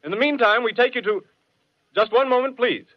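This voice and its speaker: High-voiced old newsreel announcer. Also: male voice, fairly quick. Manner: crisp formal bulletin delivery. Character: male studio announcer reading urgent bulletins. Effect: old newsreel-style broadcast announcing. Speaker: radio announcer. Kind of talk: 1930s radio drama. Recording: dull lo-fi 1930s radio recording.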